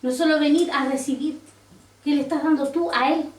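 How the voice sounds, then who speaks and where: A woman's voice: high voice, fairly even intonation, normal speed, darkish tone. A woman pastor preaching a sermon, quoting scripture and asking the congregation questions. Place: church. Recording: roomy church sound from a distance.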